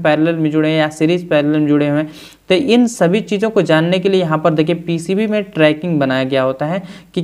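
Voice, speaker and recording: A man's voice: a little high, a little mellow, clear, resonant tone. A man, a repair instructor, explaining a tutorial step by step in speech, with fillers and repeated phrases.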